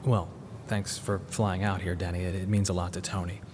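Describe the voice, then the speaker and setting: In a radio drama, an actor narrates and plays the protagonist, a grieving, restless young father who is earnest, awkward and reflective. His voice is low with a level tone, close to everyday speech, and his delivery is halting and wistful. The recording has the reverb of a hall and faint background noise.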